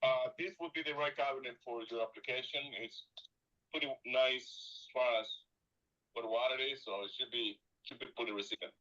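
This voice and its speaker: Bright-voiced man on a speakerphone. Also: mid-range voice, steady tone, fairly quick. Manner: brief, matter-of-fact answers. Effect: heard over a speakerphone. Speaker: contractor calling about a remodel. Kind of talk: casual phone call. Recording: dull lo-fi speakerphone audio.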